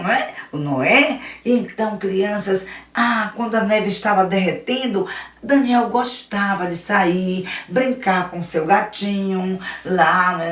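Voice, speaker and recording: A woman missionary telling a story to children, animated and speaking right to them. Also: medium pitch. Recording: roomy, distant mic.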